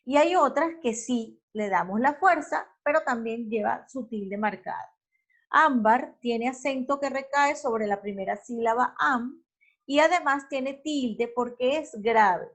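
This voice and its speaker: A woman's voice: high voice, unhurried. Woman teacher explaining spelling rules. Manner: explanatory, checks in with "ok?", self-corrects mid-sentence. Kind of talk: online class lecture.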